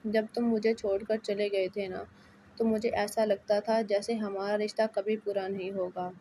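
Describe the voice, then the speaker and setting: A woman's voice: medium pitch, little pitch movement, dark tone, slight background noise, natural voice. A woman reading as an earnest pleading young wife. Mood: tender.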